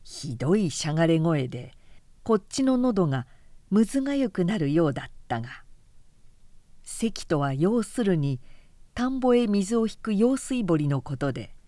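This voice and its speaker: A woman narrating a period novel as an audiobook in a calm, measured way. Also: on the low side, no room sound, studio quality.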